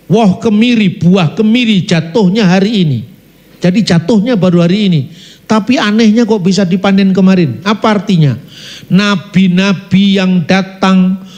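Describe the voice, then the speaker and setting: A middle-aged man, preaching a sermon, telling stories animatedly and addressing the congregation directly. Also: sits high. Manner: animated storytelling, addresses congregation, sings snatches of song.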